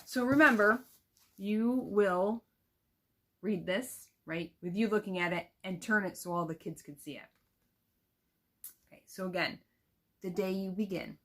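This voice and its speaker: A woman's voice: mid-range voice, unhurried, pauses often. A young woman teacher explaining how to read picture books to children, then reading one aloud with expression.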